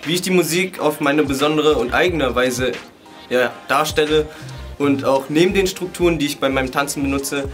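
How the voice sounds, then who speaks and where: A 21-year-old man and hip hop dancer, speaking calmly and in a measured way in a casual interview, with occasional fillers. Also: on the high side. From Germany. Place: indoors beside a wooden wall. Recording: music playing under the voice.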